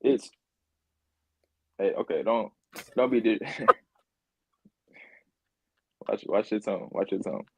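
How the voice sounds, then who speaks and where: Low mellow man rambling about football. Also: takes it slowly, creaky, pauses often, husky, low-quality recording. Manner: rambling, repeats words, laughs easily. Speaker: podcast co-host. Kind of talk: casual sports chat.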